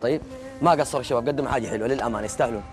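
A man's voice: mid-range voice, very fast. A man with a Gulf Arabic accent chatting casually and animatedly in a group, often repeating his words insistently. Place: large walled courtyard set with a group of men.

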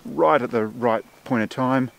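A man's voice: mid-range voice, a little slow, creaky. Chatty man vlogging outdoors. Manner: chatty, explanatory, with frequent fillers. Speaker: landscape photographer. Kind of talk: casual vlog narration to camera. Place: outdoors in a forest and on a gorge lookout. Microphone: camera mic at arm's length.

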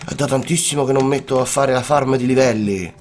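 A young Italian YouTuber talks casually and playfully over his gameplay, speaking to viewers and weaving in English terms. His voice is mid-range, a little fast and worn from coughing, and faint music runs underneath.

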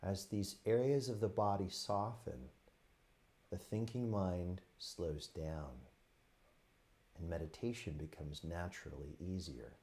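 This is a guided meditation from a man whose voice sits fairly low. Like a teacher leading a class through a practice, he speaks softly and without rushing, pausing between his short phrases.

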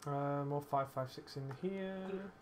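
A man's voice: a little high, takes it slowly, darkish tone, slight background noise. A man streaming a shooter game, chatting casually over a headset, joking and swearing with his teammate. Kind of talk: casual gaming chat.

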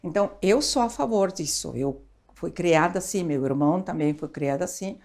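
An older Argentine woman, an expert in child education, chats animatedly as a guest in a casual interview, gesturing a lot and using tag questions. Her voice is fairly low and her speed normal. She sits on a sofa in a small studio, recorded on a lapel mic.

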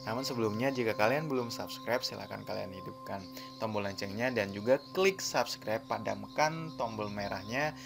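A man's voice: lowish voice, normal speed, vocal fry, music in the background. A man teaching English vocabulary, repeating each word three times before giving its meaning. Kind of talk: slow repetitive vocabulary drill.

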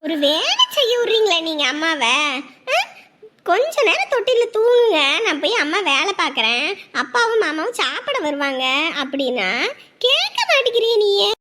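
An actress playing a young mother who coos and hums softly to her crying baby. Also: very high voice, big pitch swings, normal speed, full character voice. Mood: tender. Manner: soft, cooing, sing-song. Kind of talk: Tamil family drama acting.

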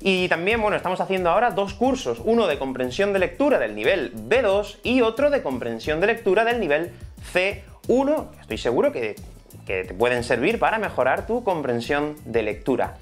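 A man's voice: high voice, sing-song, normal speed, soft background music. A man with a Spain Spanish accent teaching an online Spanish lesson in a chatty, explanatory way. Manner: chatty, explanatory, many fillers.

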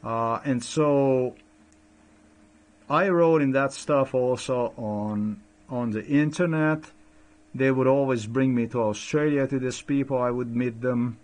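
A middle-aged vlogger, not a native English speaker, talks slowly at his desk webcam in a small room, rambling through screen-share commentary. His ordinary male pitch has a darkish tone, and he stumbles, repeats himself and fills gaps with "uh."

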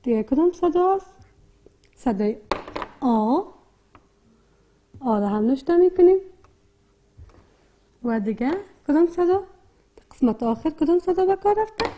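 A woman teaching a reading lesson with an Afghan Dari accent, slowly breaking words into syllables and sounds and repeating each one. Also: high-pitched, expressive, dark tone, slight background noise. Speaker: primary school teacher. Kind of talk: slow, repetitive literacy lesson.

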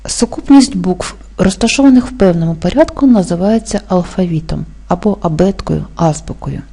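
A woman teaching an exam-prep language lesson, explaining rules slowly and carefully and spelling out example words. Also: fairly low pitch, creaky, mellow, breathy edge. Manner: slow, careful dictation-like delivery.

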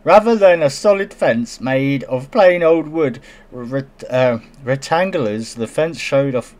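A man riffs on an odd news item, reading it aloud and tripping over the words. He breaks into giggles and throws in sarcastic jabs. His voice sits at an ordinary, middle pitch for a man. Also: lively intonation, a little slow, a little mellow. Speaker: commentator reacting to a news story. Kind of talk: casual reaction commentary.

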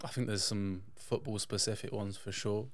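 An Englishman, born in Yorkshire and raised in south-west England, appears as a podcast guest telling personal stories in a casual, conversational interview. His voice is lowish, with fairly even intonation and a moderate pace.

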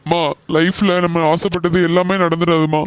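A woman doing a gentle, patient cartoon son. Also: lowish voice, level tone, moderate pace, clear, resonant tone, no room sound, pitched below the performer's own voice, close to an everyday voice. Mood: gentle reasoning. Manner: soothing, patient, persuasive. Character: calm young man, gentle reasoning son. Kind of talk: cartoon voice acting.

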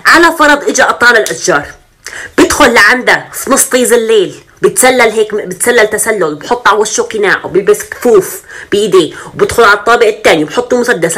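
A woman's voice: fairly high pitch, expressive, fairly bright tone. A woman delivering a sarcastic, indignant opinion rant. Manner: sarcastic, indignant, rapid-fire. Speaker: social media commentator.

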